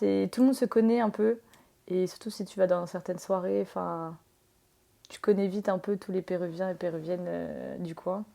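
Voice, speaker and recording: Young Frenchwoman, tattoo artist guest, rambling casual chat, creaky voice. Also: mid-range voice, a little mellow. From France. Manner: chatty, rambling with many filler sounds.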